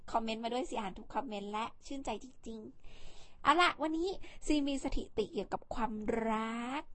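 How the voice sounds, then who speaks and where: A woman hosts her own vlog, chatting casually to the camera. Her voice sits a little high, and her manner is talkative, playful and teasing. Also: normal speed, a bit bright. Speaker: vlog host.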